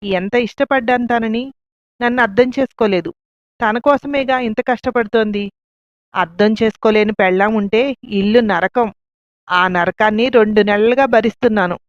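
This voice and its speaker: A woman's voice: fairly high pitch, no echo, close to an everyday voice. A woman voicing a hurt, resentful young husband brooding in a self-pitying inner monologue. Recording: dull lo-fi, dry.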